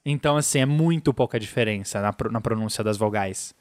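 A man's voice: on the low side, a little fast, no echo, clean studio sound. A man with a Brazilian Portuguese accent, a podcast co-host patiently explaining things in casual chat, often adding "né?". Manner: patient explainer, peppers sentences with "né?".

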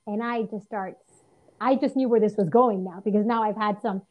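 A woman telling a personal story in an interview, earnest and lively, with frequent restarts and fillers. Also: mid-range voice, normal speed, rough recording. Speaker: interview guest.

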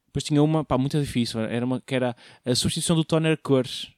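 Speaking fast in a mid-range, darkish voice, this young man from Portugal runs his solo comedy show as a slangy, joking monologue. He keeps asking his audience questions. The recording is studio quality and free of echo.

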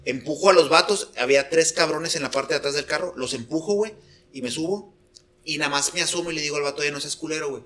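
A man's voice: fairly high pitch, quick pace, sharp tone. A young man with a northern Mexican accent hosting a podcast, telling a story in casual chat, swearing a lot and saying "güey" constantly. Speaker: podcast host.

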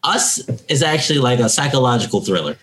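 A man's voice: mid-range voice, expressive, fast talker, husky. A man co-hosting a podcast in casual chat, with a teasing, wry manner. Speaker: podcast co-host. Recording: echoey room with loud noise.

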